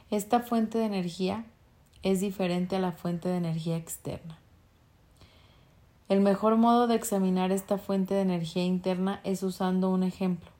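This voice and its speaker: A woman's voice: on the low side, mellow. A woman reading a self-help book aloud at an easy pace, stumbling now and then and correcting herself. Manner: unhurried reading with small slips and self-corrections.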